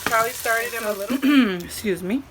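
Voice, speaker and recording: Here the vlogger's voice sits fairly high and moves briskly as she jokes crudely and rambles through a relaxed cooking chat. The setting is her home kitchen, food frying away, and the recording carries sizzling pan noise.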